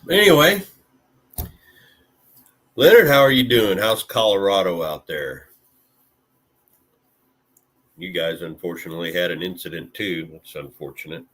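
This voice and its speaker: Laid-back deep-voiced man chatting casually. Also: lively intonation, measured pace, long pauses, fairly bright tone, husky. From Illinois, USA. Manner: laid-back, rambling, with many fillers and mild swearing. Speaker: vlogger chatting with live viewers. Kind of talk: casual live-stream chat.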